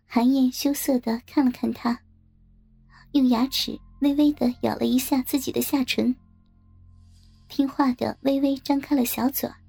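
Brief: high, husky female narrator for an erotic audio story, warm and creaky, faint music behind. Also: fairly even intonation. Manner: slow, soft, intimate storytelling.

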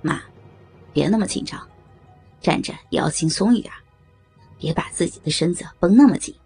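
A domineering young son-in-law voiced by a woman who taunts and mocks in a deep, rough voice. The tone is very husky and close. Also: expressive, moderate pace, warm tone, soft background music, exaggerated voice. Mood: sneering.

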